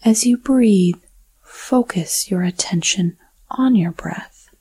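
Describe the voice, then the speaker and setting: A woman whispers a guided breathing meditation in a slow, unhurried, soothing way. Her breathy voice sits a little low and mellow, recorded close and dry with no room sound. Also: no room sound.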